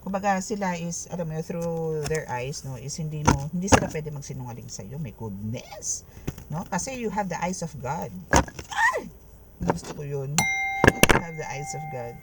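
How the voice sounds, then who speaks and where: A tarot reader, giving a reading in an expressive, chatty way, mixing Tagalog and English and tagging phrases with a questioning "no?". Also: medium pitch, normal speed, heavy background noise. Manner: mixes Tagalog and English, keeps adding "no?" after phrases; expressive, laughing and exclaiming.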